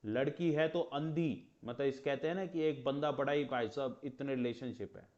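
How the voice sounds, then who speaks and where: In a Hindi astrology lecture sprinkled with English terms, a mid-range, slightly mellow male voice explains ideas through rhetorical questions and mock dialogue. The pace is moderate and the recording dull.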